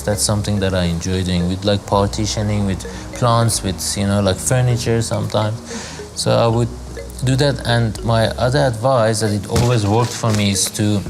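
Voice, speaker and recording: Deep-voiced man chatting casually. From Zimbabwe. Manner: relaxed, rambling with many fillers. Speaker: lodge owner and designer. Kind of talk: casual interview talk. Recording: music playing under the voice.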